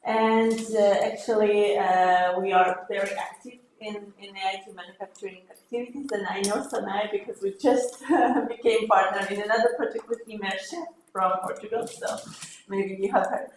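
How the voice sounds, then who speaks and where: A woman from Armenia, a native Armenian speaker, presenting her project at a conference with a friendly, halting, often laughing manner. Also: medium pitch, steady tone. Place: conference hall. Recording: echoey hall with faint noise.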